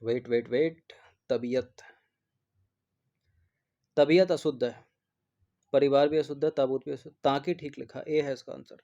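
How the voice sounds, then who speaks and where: Hindi exam tutor, dark, lo-fi. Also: male voice, mid-range voice, fairly even intonation, moderate pace. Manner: repeats each word over and over and checks in with a constant "theek hai". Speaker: exam prep teacher. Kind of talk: spelling lesson, explaining answers. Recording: dull lo-fi recording.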